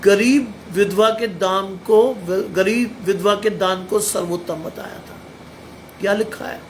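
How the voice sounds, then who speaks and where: Blunt high-voiced preacher. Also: male voice, steady tone, a little slow, slight background noise. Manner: blunt, emphatic preaching with rhetorical questions. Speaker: pastor. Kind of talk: sermon.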